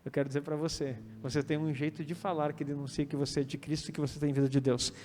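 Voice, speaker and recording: A male pastor with a Brazilian Portuguese accent delivers a sermon in a slightly high voice. His words ring with the long echo of a church hall, and soft instrumental music sits faintly underneath. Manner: preaching with quoted dialogue and calls of amen.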